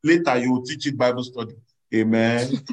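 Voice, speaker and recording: A man preaching a sermon, animated, laughing and drawing answers from his congregation. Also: mid-range voice, moderate pace, a little hiss or hum, rough recording. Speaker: pastor.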